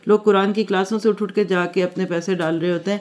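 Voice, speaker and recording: A woman's voice: medium pitch, fairly even intonation, a little mellow. Earnest woman teaching devotional prayers. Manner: earnest, heartfelt and exhortative; addresses listeners directly with everyday examples. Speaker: Islamic religious teacher.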